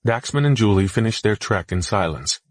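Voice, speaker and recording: A man reads a fantasy audiobook in a steady, measured way. His voice is low and slightly husky. It is recorded close and dry, with no room sound. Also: no room sound. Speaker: audiobook narrator. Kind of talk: scripted narration.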